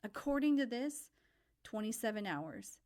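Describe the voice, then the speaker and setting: Woman reading a young wife and soul guide, storybook, brisk, calmly firm. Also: a little high.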